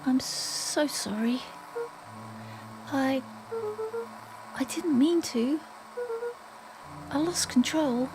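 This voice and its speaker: A woman's voice: sits high, drawn-out words, long pauses, over music, exaggerated voice, low-quality recording. Older woman voicing a nervous stammering boy. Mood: anxious. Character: anxious, kind-hearted young boy.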